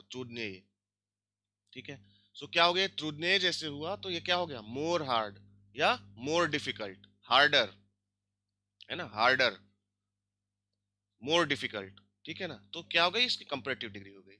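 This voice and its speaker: Bright-voiced man teaching a lesson. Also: fairly high pitch. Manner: repeats and checks understanding with frequent tag questions. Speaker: language teacher. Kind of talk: explanatory lesson.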